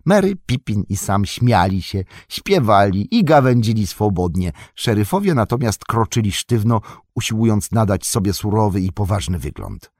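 A man narrating an audiobook in a steady, expressive storytelling manner. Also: fairly low pitch, moderate pace, few pauses, no echo, clean studio sound. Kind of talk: scripted narration.

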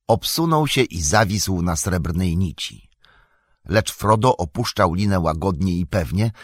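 A man narrating an audiobook in a measured, even storytelling manner. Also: sits low, no room sound, clean studio sound.

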